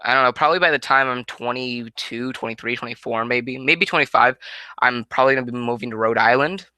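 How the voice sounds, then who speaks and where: A nineteen-year-old from Connecticut takes viewer questions casually through a headset mic in a small room at home, rambling and repeatedly restarting or correcting himself. His mid-range voice is fairly quick, bright and forceful, with no room sound.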